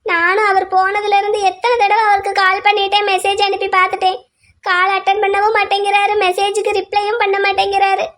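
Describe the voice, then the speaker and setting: A woman's voice: very high-pitched, monotone, a little fast, a bit bright. A woman voicing a heartbroken young woman in a cartoon, sulky and tearful. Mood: sorrowful.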